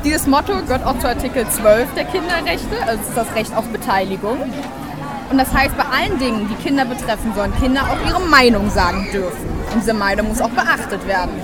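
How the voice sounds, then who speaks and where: A young woman interviews children on a crowded square in a high, friendly-sounding voice. She keeps her questions simple and encouraging. Loud crowd noise and music play behind her, picked up by a handheld mic. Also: animated, fairly quick. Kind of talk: casual on-the-street interview. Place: busy outdoor town square.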